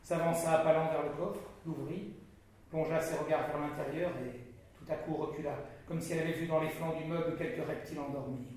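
Guy dramatically reading an old novel, kinda high voice, far from the mic, super echoey. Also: steady tone, darkish tone, slight background noise. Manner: dramatic, measured. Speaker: reader. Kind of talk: narration of a classic novel.

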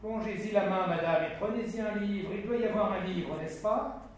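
A man's voice: high voice, normal speed, slight background noise, voice pushed up, close to an everyday voice. A man voicing a dying young king, imperious and bitter, in a very echoey room from a distant mic. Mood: grim. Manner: stern, imperious.

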